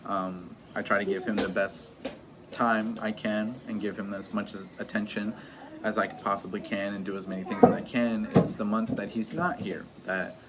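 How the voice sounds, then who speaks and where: A man in his thirties talking candidly in a personal vlog, pausing often and restarting his sentences. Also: on the low side, level tone. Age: 30s. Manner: hesitant, halting, many restarts and fillers. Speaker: vlogger. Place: home in Mexico. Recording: dull lo-fi audio with clear background noise.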